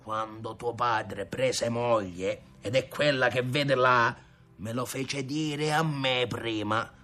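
A man voicing a stern old grandfather in a storybook reading, speaking slowly and scolding. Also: medium pitch, bright, forceful tone. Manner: slow, scolding.

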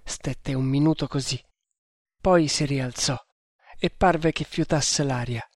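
A man reading an adventure novel aloud as an audiobook narrator, in a measured, suspenseful manner. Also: medium pitch, no echo, clean studio sound.

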